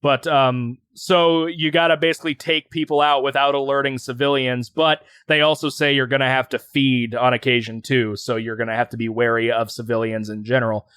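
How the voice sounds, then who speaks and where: A man's voice: mid-range voice, little pitch movement, a little fast, few pauses, fairly bright tone, smooth, no room sound. Rambling male podcast co-host, dry sound. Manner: rambling, hesitant, many fillers and restarts. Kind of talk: casual podcast chat.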